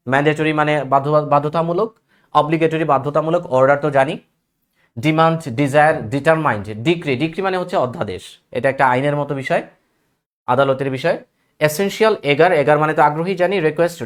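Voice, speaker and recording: A man's voice: a little high, quick pace. A man teaching an English grammar lesson, reciting word lists in a rhythmic chant and mixing English phrases into his explanations.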